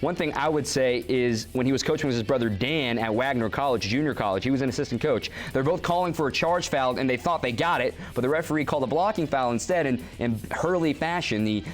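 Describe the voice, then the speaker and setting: A man's voice: mid-range voice, fast talker, hardly any pauses, faint music behind. A young man co-anchoring a student sports show, reading scripted stories and trading playful banter. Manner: lively, animated delivery with playful ribbing.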